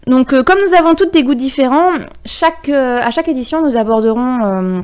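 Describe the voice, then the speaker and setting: A woman with a French accent opens and steers a casual book podcast. Her voice sits a little high, and she hesitates often with fillers as she talks. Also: brisk, darkish tone, smooth. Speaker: podcast co-host.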